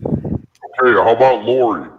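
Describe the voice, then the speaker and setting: A man talking through a deep pitch-shifted voice changer, arguing and swearing in casual crude banter. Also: lively intonation, measured pace, background noise. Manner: argumentative, swearing, laughs things off. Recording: lo-fi with long reverb.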